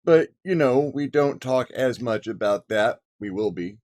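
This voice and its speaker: A man's voice: medium pitch, lively intonation, a little slow, a little mellow, natural voice. A man putting on a folksy cowboy drawl. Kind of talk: cowboy voice in a monologue.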